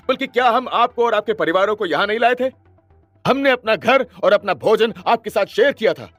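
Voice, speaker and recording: A man voicing a furious young male leader who shouts bitterly in his people's defense. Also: high-pitched, dry recording, voice pushed up, heavily acted.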